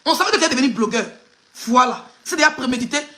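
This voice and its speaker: A woman's voice: high-pitched, animated, very fast, sharp tone. A woman from Côte d'Ivoire with an Ivorian French accent, doing live gossip commentary in a mocking, emphatic way that speaks straight to the person she criticizes. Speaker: online gossip blogger.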